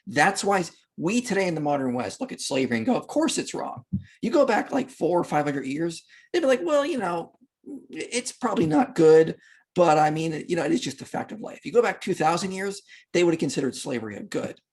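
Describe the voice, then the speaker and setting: A podcast guest explains history in an animated, emphatic and conversational discussion, acting out imagined quotes. His voice is slightly high and very animated, a bit fast, with a breathy edge.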